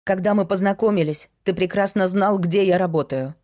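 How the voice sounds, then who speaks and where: A woman's voice: mid-range voice, brisk, darkish tone, lightly acted. A woman voicing a young woman, a frank and resolute investigator, in an audiobook. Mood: firm.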